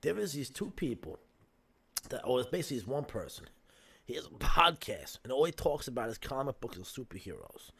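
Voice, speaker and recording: A man's voice: mid-range voice, very animated, fairly quick, gravelly, a bit bright, breathy edge. Rambling, cursing podcast host man. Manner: rambling, speculative, swears freely. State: coughing from smoking. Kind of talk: casual chat.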